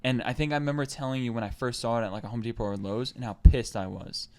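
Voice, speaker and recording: Casting: man, mid-pitched voice, rambling and animated podcast co-host. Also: quick pace. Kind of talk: casual chat.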